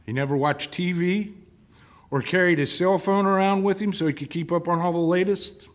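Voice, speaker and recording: Guy preaching sunday sermon, chatty, keeps asking the folks questions, voice on the high side. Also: steady tone, normal speed. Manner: conversational, asks the congregation questions.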